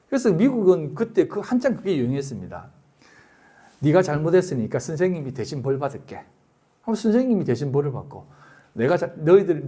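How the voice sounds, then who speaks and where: Middle-aged male pastor, husky tone, pitch swinging widely, storytelling sermon with acted quotes. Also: dark tone.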